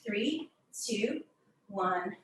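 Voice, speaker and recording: A young female fitness instructor, a bit out of breath, counts down and calls out moves to her class in a gym studio. Her mid-range voice is expressive and extremely slow, recorded from far off in an echoey room with slight background noise.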